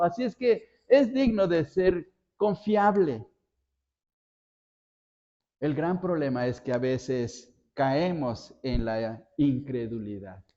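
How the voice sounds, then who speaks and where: A man's voice: sits high, darkish tone, muffled recording. A man preaching a sermon as pastor, telling stories with big dramatic rises and drops in his voice. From Mexico.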